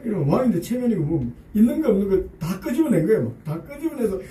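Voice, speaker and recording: A man's voice: sits high, sing-song, fast talker, mellow. A male pastor preaching a sermon, acting out pleading prayers and chuckling along with the congregation. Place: church sanctuary. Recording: roomy church sound from a distance.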